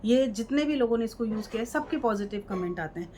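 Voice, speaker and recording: A woman's voice: a little high, lively intonation, fast talker, a little mellow. A woman chatting casually through a home beauty remedy, often checking in the viewer. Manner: chatty, repeats "ठीक है" and "ये देखो". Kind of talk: casual how-to demonstration. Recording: light background noise.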